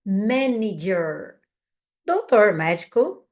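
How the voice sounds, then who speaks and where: Slow, patient woman teaching English words. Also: medium pitch, sing-song. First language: Portuguese. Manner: slow, patient drilling of words for learners to repeat; casual and encouraging, with frequent check-ins. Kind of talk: teaching vocabulary with call-and-repeat drills.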